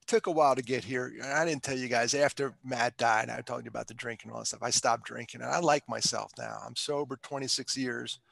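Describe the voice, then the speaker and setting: A man's voice: medium pitch, fairly even intonation, a little fast, creaky, few pauses, a bit bright, dry recording. An older man, a motivational speaker, telling candid stories and joking with frequent laughs in a casual podcast interview. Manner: jokey, laughs often, candid storytelling.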